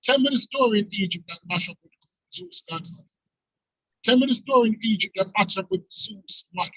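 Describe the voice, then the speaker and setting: A man's voice: sits high, a little fast, bright, forceful tone, husky, no room sound. A man pressing repeated questions in an online debate, his voice muffled as if through a wall on a weak phone connection. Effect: muffled, as if through a wall or underwater.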